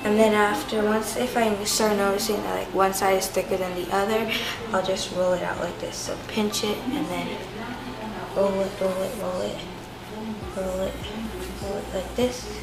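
Speaking flatly at a moderate pace, a home cooking vlogger talks through a recipe at her kitchen counter, loosely filling each step with "like" and "so." Her voice is medium-pitched. Echo, loud background music, and poor audio mar the clip.

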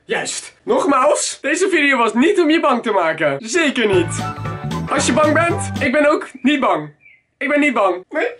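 A young man with a Dutch accent, vlogging casually in a jokey, animated way and swearing often. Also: extremely high pitch, a little slow. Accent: Dutch (Netherlands). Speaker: YouTuber. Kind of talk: casual vlog. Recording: background music under the voice.

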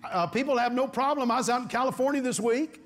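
A middle-aged pastor with a strikingly high voice preaches from a church stage. He drives his points home by repeating his phrases and calling out for amens and hallelujahs from the congregation. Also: fast talker. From Texas. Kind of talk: sermon.

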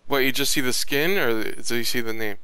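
A man's voice: medium pitch, brisk, sharp tone, clear, resonant tone, no room sound. A man chatting casually as he plays a video game with a friend over voice chat. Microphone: voice chat call while gaming. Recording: background noise, clicking sounds.

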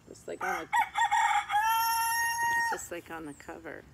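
This woman in her thirties has a low, sharp voice with vocal fry, huge pitch swings and a measured pace. Like a teacher, she reads a children's picture book phrase by phrase, dropping in short asides, outdoors beside a garden tree. Birds and a rooster sound in the background.

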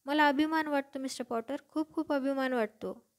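A woman doing an excitable, gushing little wizard. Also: high-pitched, normal speed, lightly acted. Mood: excited. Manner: excited, exclaiming.

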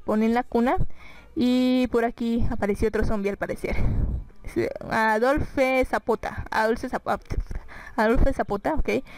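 Chatty woman with a fairly high voice. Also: a little mellow, rough recording. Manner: chatty, exasperated, often laughing at the game. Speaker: gaming YouTuber. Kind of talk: casual let's-play commentary.

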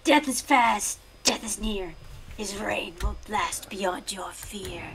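A woman putting on a creepy voice in whispered role-play, reciting a dark poem in an ominous, drawn-out way. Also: medium pitch, voice pushed down, low-quality recording. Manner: slow, ominous, rasping delivery.

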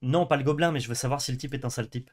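A man's voice: medium pitch, racing. A young man co-hosting a card game stream, chatting casually, swearing and laughing often. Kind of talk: casual gaming chat.

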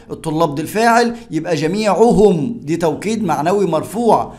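A man speaking with an Egyptian accent, teaching a grammar lesson step by step and answering his own questions. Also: sits high. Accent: Egyptian Arabic.

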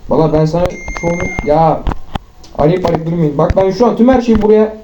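A young man chatting fast and teasingly while gaming with friends, swearing casually. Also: on the high side, warm tone. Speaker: gamer. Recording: roomy, dull with noise.

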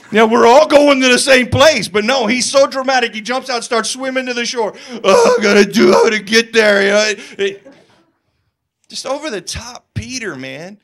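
A male pastor delivers a sermon in a chatty, storytelling way, sprinkling in humor. His voice sits notably high for a man, and he keeps it lively and conversational throughout.

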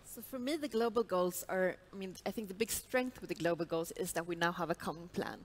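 Low-voiced woman speaking on a panel. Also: fairly quick, noisy background. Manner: thoughtful, uses many fillers like kind of. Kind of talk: panel discussion. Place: large stage. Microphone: headset.

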